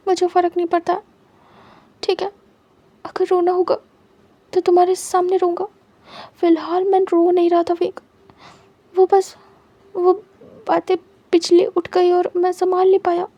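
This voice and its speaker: A woman voicing a devoted young husband who speaks in a soft, hushed, reassuring way. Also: extremely high pitch, monotone, a little slow, pauses often. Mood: tender.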